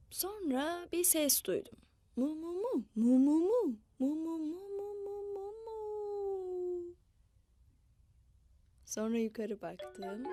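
A woman voices a cheerful children's show storyteller in animated, dubbed narration, coaxing kids in a playful, sing-song way and mooing at them. Her high-pitched voice has a darkish tone and is heavily acted, with no room sound.

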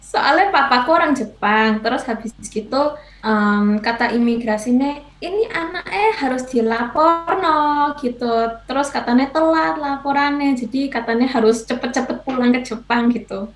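A woman in her twenties chatting over a video call from home, her voice sitting a little high. She is bashful and quick to giggle. The room adds a noticeable echo. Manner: bashful and giggly, mixing languages. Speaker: guest. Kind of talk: casual video-call chat. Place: home room with bookshelves, indoors. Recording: echoey room.

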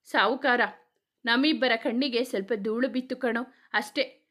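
A doting elderly grandfather in a spoken story, affectionate and mild, voiced by a woman narrator. His speech is soft and fond, sitting a little high in pitch. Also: steady tone, moderate pace, natural voice. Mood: tender.

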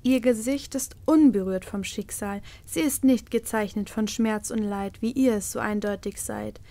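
A woman reading a storybook voices a male magic mirror spirit bound by an oath, speaking slowly and formally. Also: mid-range voice, creaky, warm tone, natural voice. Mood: solemn. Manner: slow, measured and formal.

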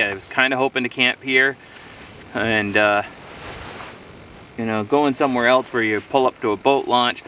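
A man's voice: medium pitch, bright, forceful tone, distant mic, slight background noise. A middle-aged man in a casual solo outdoor vlog, rambling easily to himself while he eats, recorded outdoors by a camera a few metres off. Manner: rambling, easygoing, talking to himself while eating. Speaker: outdoor vlogger. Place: outdoors on a frozen lakeshore in winter. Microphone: camera on a tripod a few metres away.

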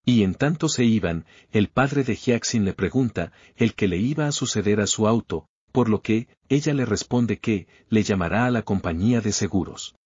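A man tells a manhwa story in a casual, chatty way and drops in his own asides. His voice is low and husky. The recording is dry and lo-fi. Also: moderate pace, hardly any pauses, darkish tone, no echo. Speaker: manhwa recap narrator. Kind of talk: casual story recap narration.

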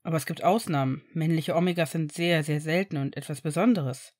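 A woman voicing a kind male village doctor who speaks gently and soothingly, with a few hesitations. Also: low-pitched, fairly quick, no echo, clean studio sound, voice pushed down.

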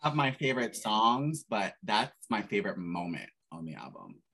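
A man with a fairly low voice hosts a relaxed interview, heaping praise with lots of emphasis. He sounds excited and talks in a gushing, emphatic way. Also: normal speed, gravelly, slightly rough. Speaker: host. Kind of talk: casual interview chat. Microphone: studio mic.

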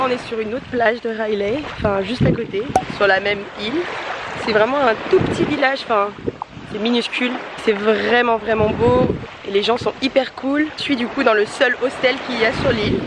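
A woman's voice: fairly high pitch, very noisy. A young woman in her twenties talking casually and cheerfully to a handheld camera outdoors for her travel vlog. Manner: chatty, upbeat, enthusiastic. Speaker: travel vlogger. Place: outdoors, beach and open-air terrace. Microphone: phone or camera held at arm's length.

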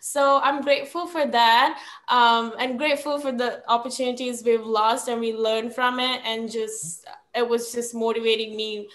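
Brief: young Sri Lankan-born woman, slightly high voice, reflective guest on a video call, lots of ums. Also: fairly even intonation, moderate pace, a bit bright. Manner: frequent ums, earnest and reflective. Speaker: podcast guest. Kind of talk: casual conversational storytelling. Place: small room at home.

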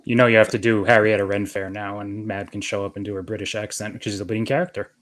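A male podcast host puts questions to his guests in a relaxed, joking manner. His voice sits a little low. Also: fast. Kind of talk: livestream interview questions.

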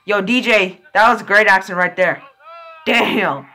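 A woman hosting a casual reaction video, excitable and slangy with plenty of swearing. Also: medium pitch, a little slow. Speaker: reaction channel host.

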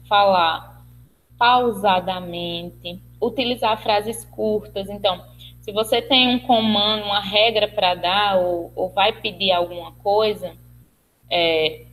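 A woman's voice: medium pitch, low-quality recording. A Brazilian woman with a Brazilian Portuguese accent giving a webinar lecture, explaining step by step with fillers and restarts. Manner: explanatory, with many fillers and restarts, acting out example phrases. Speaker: speech therapist lecturer.

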